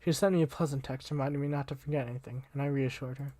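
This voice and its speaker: A man's voice: medium pitch, steady tone, racing, dark tone, dry recording. A young man reading a visual novel aloud as the channel host, casual and slangy, tripping over words now and then.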